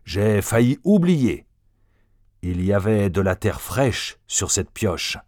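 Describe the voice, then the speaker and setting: A man's voice: lowish voice, very animated, slow pace, a little mellow, no room sound, studio quality, exaggerated voice. A man voicing a menacing, vengeful male outlaw who speaks sternly and threateningly.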